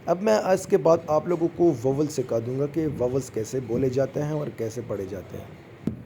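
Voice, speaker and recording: A man's voice: mid-range voice, background noise. A man teaching a casual beginners' language lesson, patiently repeating each sound and encouraging his students.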